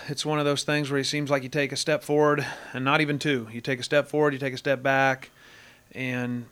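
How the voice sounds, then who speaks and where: An American man, a coach, answering casually as a radio guest in a studio, halting and searching for words. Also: medium pitch, a bit bright, clean tone. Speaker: high school wrestling coach, guest.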